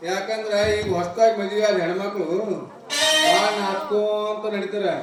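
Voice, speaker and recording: An actor playing a teasing, bawdy newly married village husband in a live stage play, with a North Karnataka Kannada accent. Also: male voice, high voice, flat delivery, moderate pace, natural voice. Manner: teasing, bawdy comic banter. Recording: echoey stage from far off. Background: instrumental music.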